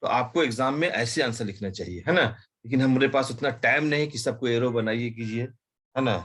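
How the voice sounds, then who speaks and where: A man teaching a live class, dictating slowly, spelling words out letter by letter and often adding short checking questions. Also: medium pitch, fairly bright tone. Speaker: commerce teacher.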